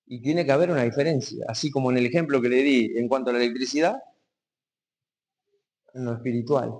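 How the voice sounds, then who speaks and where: A man from Argentina with a Rioplatense accent, preaching a sermon to his congregation, asking them questions, and reading verses slowly with emphasis before explaining key words. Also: medium pitch, a little mellow. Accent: Rioplatense Spanish. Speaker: pastor. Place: community hall. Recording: long hall reverb.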